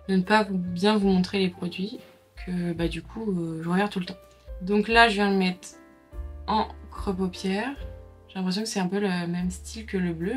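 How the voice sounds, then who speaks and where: A young woman chatting casually to her viewers while doing her makeup, full of fillers and asides. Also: medium pitch. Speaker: makeup vlogger. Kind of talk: casual makeup tutorial chat. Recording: faint background music.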